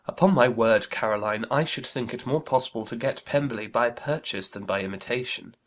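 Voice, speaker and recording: A man playing an amiable, easygoing young gentleman in a dramatized audiobook, good-humoured and earnest. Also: mid-range voice, fairly quick, lightly acted.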